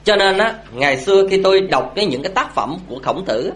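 A man's voice: high voice, lively intonation, fast, fairly bright tone. A man giving a Buddhist dharma talk, telling a story and asking his audience questions. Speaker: Buddhist speaker.

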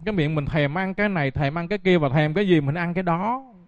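Talking fast in a slightly high voice, a monk tells stories to his listeners directly during a Buddhist dharma talk. The recording has no room sound and comes across dull, dry, and lo-fi.

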